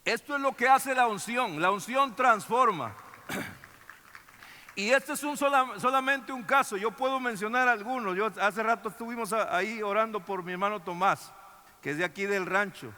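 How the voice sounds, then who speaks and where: A male pastor preaching a sermon, telling a personal story in an animated, conversational way with frequent restarts. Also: high-pitched, normal speed, big-room sound.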